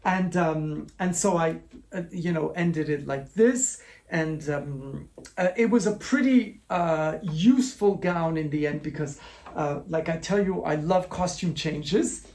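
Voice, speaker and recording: A man's voice: a little high, unhurried, a little mellow. A man, a designer hosting his own channel, talking in a chatty, affectionate way about his gowns and often restarting his sentences, recorded in his living room at home. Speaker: gown designer and channel host. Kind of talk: casual show-and-tell vlog.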